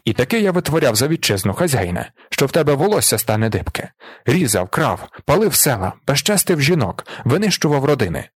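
A man's voice: mid-range voice, very animated, a little fast, breathy edge, dry recording. A man voicing a passionate aging wanderer. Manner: vivid, emotional confession. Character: gruff aging male wanderer, passionate storyteller. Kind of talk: audiobook reading.

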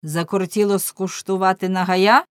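A woman reading aloud, voicing a proud, angry nobleman count who shouts commands and brushes people off, in a storybook reading. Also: medium pitch, steady tone, moderate pace, smooth, no room sound, clean studio sound, lightly acted. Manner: loud, commanding, dismissive.

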